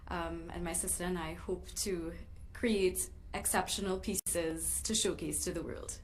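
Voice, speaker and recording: A woman's voice: fairly low pitch, a little hiss or hum, rough recording. A twenty-five-year-old woman from Trinidad and Tobago, giving a passionate, rehearsed pageant self-introduction. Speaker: pageant contestant.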